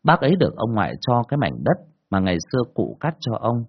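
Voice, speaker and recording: A man telling a first-person ghost story in a colloquial, earthy, expressive way, in a dull lo-fi recording. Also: mid-range voice, fast talker, slightly rough.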